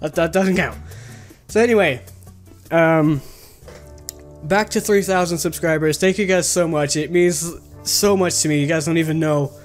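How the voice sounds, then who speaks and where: A man's voice: a little high, moderate pace, soft background music. A young man chatting casually to camera as a vlogger, into a desktop mic in a small room. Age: young adult. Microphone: desktop condenser mic, close.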